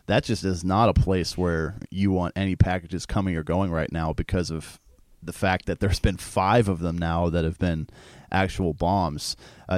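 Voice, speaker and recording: Low-voiced man musing on the news. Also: darkish tone, no room sound, clean studio sound. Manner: reflective, reasoning aloud. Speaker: co-host. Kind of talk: casual news discussion.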